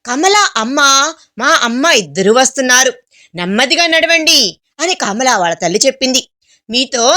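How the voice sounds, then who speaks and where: A woman with a high, bright voice tells a story in a gentle, even reading tone. She narrates in the first person and reads the quoted lines softly. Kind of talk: scripted narration.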